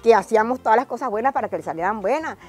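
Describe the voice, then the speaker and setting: An older woman with a Venezuelan accent, telling lively stories from her childhood in an interview and acting out cries in a high voice. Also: rapid-fire. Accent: Venezuelan Spanish. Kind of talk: lively storytelling.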